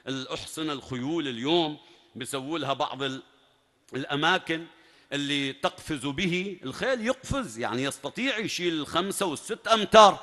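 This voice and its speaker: Male preacher, bright and forceful, dramatic sermon storytelling, echoing hall. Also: high voice. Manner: dramatic, emphatic narration with rising bursts. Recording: long reverb at a large venue.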